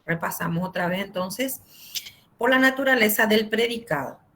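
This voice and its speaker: A woman's voice: mid-range voice, normal speed, pushed and bright, slight background noise. A woman teaching a grammar class over a video call, explaining patiently with simple examples and frequent fillers. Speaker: Spanish teacher.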